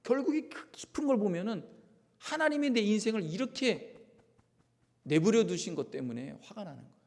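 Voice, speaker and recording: A male pastor delivers a Sunday sermon in a slightly high, gravelly voice that swoops widely as he dramatizes each point. His emphatic preaching rings out with a long reverb from the church sanctuary. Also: lively intonation, normal speed. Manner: emphatic, dramatic preaching that acts out the people he quotes.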